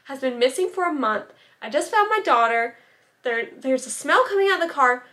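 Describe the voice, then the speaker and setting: A young woman voicing a frantic, worried middle-aged grandmother, urgent and pleading, a little louder than her narration. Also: sits high, expressive, moderate pace.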